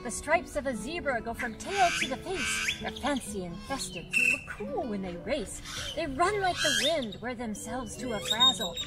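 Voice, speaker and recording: Outdoors beside a pond at a zoo, an older woman who is both a zoo guide and an author reads a rhyming children's book aloud. Her fairly high voice swoops up and down in a bouncy sing-song at normal speed with hardly any pauses, like a friendly storytime guide, captured by a camera a few steps off. Loud music plays beneath her.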